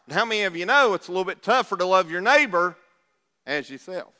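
A man's voice: high-pitched, expressive, quick pace, bright, forceful tone. A man with an Appalachian accent preaching a sermon in a folksy, conversational way, putting rhetorical questions to his listeners. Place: large reverberant room, preaching to a congregation. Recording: reverberant hall sound.

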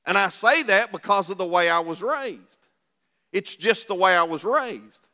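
Male preacher, Appalachian accent, forceful bright tone, plain-spoken and conversational, recorded in a reverberant hall. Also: sits high, animated, unhurried. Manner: folksy, conversational, asks the congregation rhetorical questions. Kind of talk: sermon. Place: large reverberant room, preaching to a congregation.

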